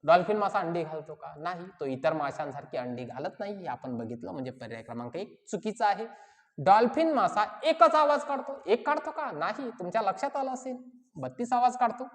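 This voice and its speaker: A woman teaches children from a reading passage and explains each point slowly. She keeps asking her pupils questions and then answers them herself, and her voice rises and falls a great deal. A long hall reverb trails behind her words. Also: fairly low pitch, sing-song. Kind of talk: exam-prep lesson for children.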